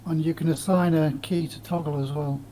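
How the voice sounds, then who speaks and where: A man's voice: on the high side, fairly even intonation, brisk, warm tone, a little hiss or hum, low-quality recording. A man on a group voice call giving matter-of-fact tips. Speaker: flight sim group member. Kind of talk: casual voice chat.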